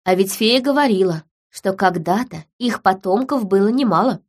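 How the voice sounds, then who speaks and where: A woman narrating a story in the first person with even storytelling. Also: medium pitch, moderate pace. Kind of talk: scripted narration.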